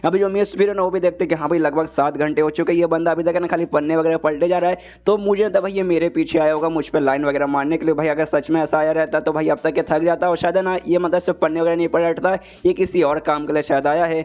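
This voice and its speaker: A man's voice: fairly high pitch, steady tone, fast talker, few pauses, darkish tone. A man narrating a comic recap casually, slangy and chatty, peppered with filler words. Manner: slangy, keeps saying "bhai" and "na".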